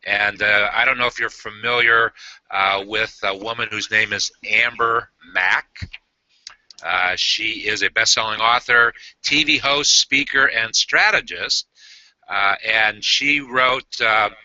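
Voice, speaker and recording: A man hosting a casual video call interview, halting with many "uh" fillers and restarts. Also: on the low side, fairly even intonation, sharp tone, no echo, highs cut off. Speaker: host.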